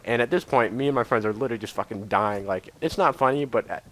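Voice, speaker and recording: A man's voice: medium pitch, fast, a bit bright, a little hiss or hum. A young man from Idaho casually telling a rambling story over video game footage, full of filler words and swearing. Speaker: YouTuber.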